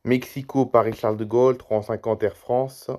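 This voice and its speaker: A man's voice: medium pitch, steady tone, moderate pace, mellow. A tired man YouTuber giving rambling, chatty commentary over a screen recording, reading out flight routes one after another.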